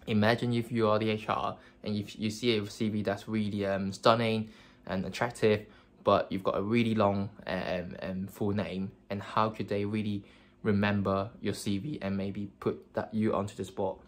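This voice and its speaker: A young Hong Kong man whose first language is Cantonese speaks at a moderate pace in a low, flat voice. As a career advice vlogger talking casually to camera, he comes across as earnest, with plenty of fillers and restarts.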